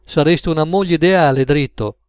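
A man's voice: fairly high pitch, fairly quick, darkish tone, no room sound, pitched above the performer's own voice, natural voice. A man voicing a mocking, talkative male gangster in an audiobook, with a sneering, wisecracking manner. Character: tough male gangster hitman, mocking and chatty.

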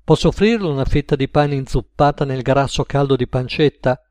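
A man voicing a gentle, overly polite camp cook who speaks softly and courteously, in a storybook reading. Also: medium pitch, brisk, no room sound, lightly acted.

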